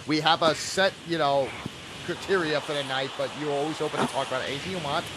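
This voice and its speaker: A man's voice: a little high, brisk. Crude joking man hosting a radio chat. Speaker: host. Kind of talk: casual live radio chat. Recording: clear background noise.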